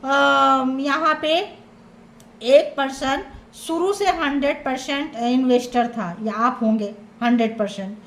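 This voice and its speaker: A woman with a high voice gives a tarot reading for her viewers. She stresses her points and stacks short repeated phrases one after another. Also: slow pace, fairly bright tone. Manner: emphatic, listing feelings in short repeated phrases. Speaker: tarot reader.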